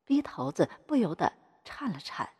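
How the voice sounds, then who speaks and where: 气声很重的中年女声朗读. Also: female voice, lowish voice, big pitch swings, moderate pace, a little mellow, husky, long reverb tail. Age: middle-aged. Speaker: story narrator. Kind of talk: first-person erotic story reading.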